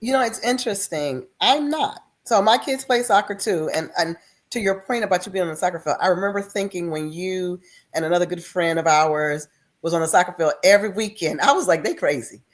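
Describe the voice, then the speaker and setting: A woman in her fifties, a guest in a casual talk, speaking in a measured, reflective way with bursts of laughter. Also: fairly low pitch. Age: 50s. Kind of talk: casual chat.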